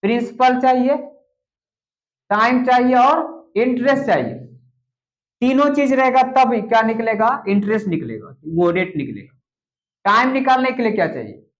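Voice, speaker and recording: A man's voice: extremely high pitch, expressive, normal speed, long pauses, muffled recording. A man teaching a math lesson, repeating each step, asking questions as he goes and mixing in English terms. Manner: repetitive, checks in with rhetorical questions.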